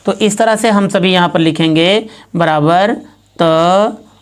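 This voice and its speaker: A woman's voice: lowish voice, unhurried. A woman teaching Sanskrit grammar, walking through each step methodically and repeating herself as she works an example.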